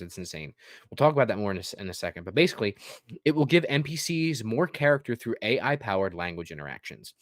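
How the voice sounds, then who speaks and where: A man's voice: on the low side, a bit bright, dry recording, clean studio sound. A man co-hosting a casual gaming podcast, talking loosely and profanely with a sardonic edge, half reading from a script. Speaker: podcast co-host.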